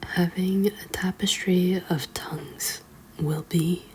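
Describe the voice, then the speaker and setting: A woman reads a children's book aloud as ASMR in a hushed, librarian-like whisper. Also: lowish voice, fairly even intonation, slow, a little hiss or hum. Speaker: ASMR reader.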